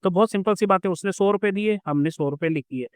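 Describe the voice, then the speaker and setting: A man's voice: high voice, quick pace, clean tone, no echo. A man teaching a school math lesson, patiently explaining step by step with everyday examples.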